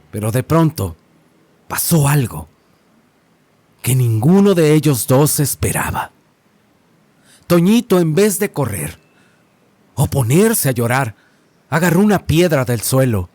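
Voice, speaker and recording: A man narrating a horror story in an expressive, dramatic manner. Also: mid-range voice, dry recording.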